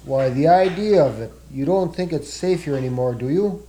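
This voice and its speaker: A man doing a gruff old rat leader. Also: on the high side, normal speed, mellow, a little hiss or hum, close to an everyday voice. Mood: commanding. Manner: growling commands.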